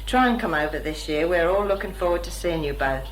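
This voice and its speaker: A woman's voice: on the low side, expressive, slight background noise, poor audio. Woman reading a letter aloud. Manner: scripted, chirpy wording, few pauses. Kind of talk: read-out spoken letter to relatives.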